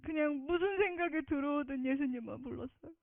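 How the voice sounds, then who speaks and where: A woman's voice: high-pitched, quick pace, dry recording. A woman giving an earnest, emotional personal faith testimony, often close to tears. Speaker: testimony speaker. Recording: tinny phone-like dry sound.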